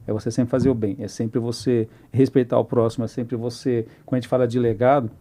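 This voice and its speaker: Fast-talking man with a dark voice. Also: mid-range voice. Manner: animated storytelling about faith. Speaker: podcast participant. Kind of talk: casual podcast conversation.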